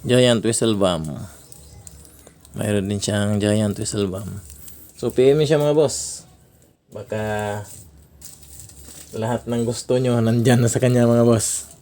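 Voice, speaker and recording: A man from the Philippines casually unboxing fireworks for his vlog, naming each item slowly with frequent chuckles. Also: on the low side, steady tone, mellow. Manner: slow, drawn-out naming of items, frequent chuckles. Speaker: fireworks vlogger.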